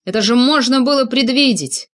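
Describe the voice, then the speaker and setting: A woman's voice: fairly high pitch, moderate pace, a bit bright, voice pushed up, natural voice. A woman reading an audiobook, voicing a cruel male crime boss who shrieks and rants in abusive outbursts. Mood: raging.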